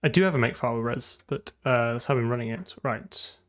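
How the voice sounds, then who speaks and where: Talking fast at a medium pitch, this man livestreams his game development work. His casual coding commentary is him thinking aloud, muttering to himself and letting thoughts trail off unfinished.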